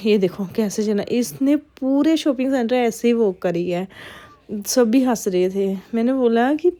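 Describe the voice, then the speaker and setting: A woman's voice: medium pitch, warm tone, clear, resonant tone. A woman narrating a family vlog as a mother, chatty. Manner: chatty, scolding kids in quoted asides. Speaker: vlogger mother. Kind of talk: casual voice-over narration.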